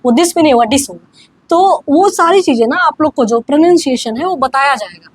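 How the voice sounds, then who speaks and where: A woman's voice: high-pitched, animated, fairly quick, dry recording, rough recording. A young woman giving a casual online grammar lesson, often checking that students follow and dictating examples word by word. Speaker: English grammar teacher.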